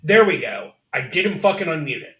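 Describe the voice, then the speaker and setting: A man's voice: a little high, big pitch swings, moderate pace, pushed and bright. A man chatting casually and swearing a lot on a podcast, his voice echoing like it's coming from a basement through a phone microphone. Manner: profane, loose, swears constantly. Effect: echoey, roomy sound like a basement, own voice echoing back. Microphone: phone microphone on a remote call. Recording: echoey basement-like sound through a phone mic.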